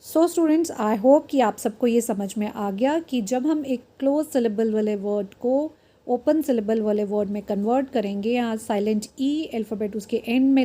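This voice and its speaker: A woman teaching a phonics lesson, pronouncing each word slowly and carefully. Her voice sits a little high but has a soft, mellow tone. She moves between Hindi and English as she explains to her students. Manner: slow, deliberate word-by-word pronunciation drills.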